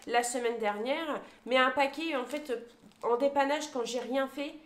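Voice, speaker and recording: Woman, casual grocery haul vlog, hesitant and chatty, slightly high voice, echoey room, phone camera. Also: a little slow. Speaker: vlogger.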